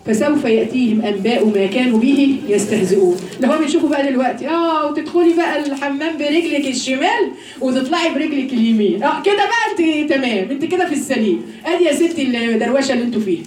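A woman with an Egyptian Arabic accent giving a religious lesson to women, full of rhetorical questions and slowing down to recite verses. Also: high-pitched, expressive, a little mellow. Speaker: religious teacher addressing women. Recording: roomy echo, voice from a distance.

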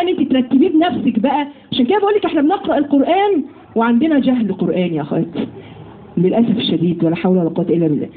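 A woman with an Egyptian accent giving a lively religious lesson to women, often putting questions to her listeners. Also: high-pitched. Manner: lively, asks the audience questions. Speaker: religious teacher. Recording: tinny phone-like audio with faint noise.

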